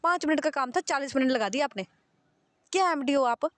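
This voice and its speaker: A woman's voice: high-pitched, expressive, brisk, fairly bright tone, dry recording. A woman voicing a hot-tempered young female employee who scolds her boss, repeating herself in exasperation. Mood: angry scolding.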